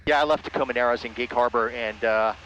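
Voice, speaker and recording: A man's voice: mid-range voice, steady tone, fast talker, a bit bright. A man piloting a small plane, making clipped procedural radio calls and narrating the flight over a headset. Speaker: pilot and ham radio operator. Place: small airplane cockpit in flight. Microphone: aviation headset. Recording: muffled cockpit radio audio, aircraft noise. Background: light aircraft engine noise.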